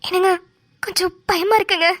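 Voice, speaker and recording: A woman's voice: extremely high pitch, steady tone, brisk. A woman voicing a timid pleading young bride. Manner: soft, polite, pleading. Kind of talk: cartoon voice acting.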